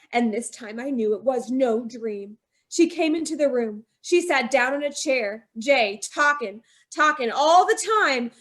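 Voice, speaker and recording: Telling her own tale in an old-time radio drama, the narrator and lead character speaks with a haunted tension. As she goes on, her voice climbs until it turns frantic.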